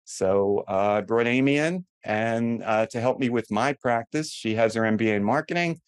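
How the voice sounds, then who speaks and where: Clean studio sound and a dry recording capture a clear, resonant, medium-pitched male voice at a moderate pace. The speaker, a New York-accented orthodontist in his seventies, is a podcast guest who chats casually, rambles a little and makes fun of himself.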